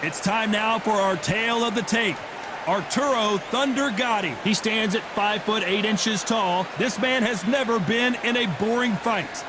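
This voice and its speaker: A man playing an upbeat TV boxing commentator, calling play-by-play with an emphatic, excited announcer delivery. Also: high voice, a little slow. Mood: hyped. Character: upbeat male TV boxing commentator, eager and hyped. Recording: loud arena crowd noise behind. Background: arena crowd and ring noise.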